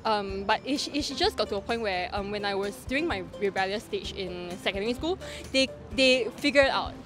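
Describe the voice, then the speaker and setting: A woman's voice: medium pitch, fairly quick, music in the background. A woman in her twenties answering interview questions at an outdoor event, hesitant and full of fillers. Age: 20s. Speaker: event volunteer.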